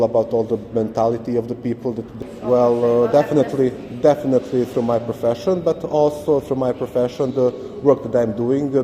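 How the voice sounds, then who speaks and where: Dark-voiced man, halting speech, reverberant. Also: mid-range voice, a little hiss or hum. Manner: halting, searching for words. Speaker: interviewee, stage design student. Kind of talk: casual interview.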